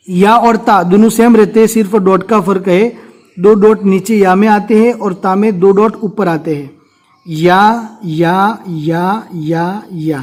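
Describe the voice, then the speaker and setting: Male reading teacher with a high voice, patient and repetitive, spelling letters out slowly for beginners. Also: darkish tone. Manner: repeats each letter several times, patient.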